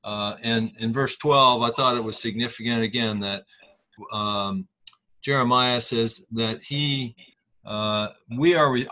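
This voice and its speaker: Middle-aged guy leading bible study, slow and halting, lots of ums. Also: medium pitch, bright, forceful tone, rough recording. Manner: slow, halting, with many fillers and restarts.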